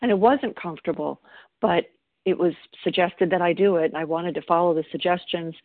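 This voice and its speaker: A woman's voice: fairly low pitch, a little fast, no room sound. A woman giving a reflective personal share to a support group in conversational speech. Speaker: member sharing at a recovery meeting. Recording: dry, tinny phone line.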